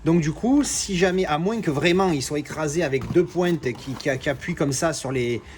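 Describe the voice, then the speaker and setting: A man, chatting excitedly through an unboxing, full of fillers and self-corrections. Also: a little high, moderate pace, slight background noise. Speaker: collector unboxing discs. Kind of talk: casual unboxing vlog.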